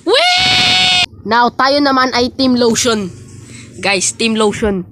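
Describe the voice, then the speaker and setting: Woman, playful gaming commentary, chatty, slightly high voice. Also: slow pace, heavy background noise. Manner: playful, chatty, keeps addressing viewers. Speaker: gaming vlogger. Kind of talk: casual game commentary.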